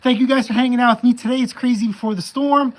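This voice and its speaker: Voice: mid-range voice, fairly even intonation, fast, dry recording, poor audio. A diesel mechanic vlogging a casual walk-through of their machines, rambling and joking, often repeating phrases.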